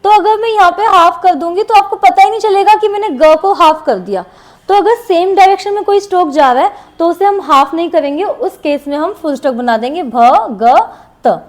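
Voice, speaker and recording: A woman with a high, light voice gives a shorthand class. She talks slowly and patiently and repeats each example word while she writes. The faint scratch of a pen on paper can be heard under her voice. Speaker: shorthand teacher. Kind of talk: classroom lesson explaining shorthand strokes.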